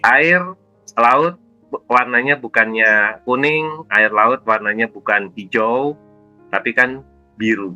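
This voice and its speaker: A man's voice: mid-range voice, slow pace, pauses often, sharp tone, dry recording, dull audio, faint music behind. A man teaching a spiritual cleansing practice as a guest, speaking patiently and repeating key phrases for emphasis. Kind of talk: explanatory spiritual talk.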